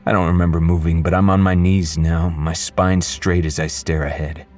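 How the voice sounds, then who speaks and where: A man narrating a first-person audiobook with low, restrained menace. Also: flat delivery, normal speed, darkish tone, soft background music.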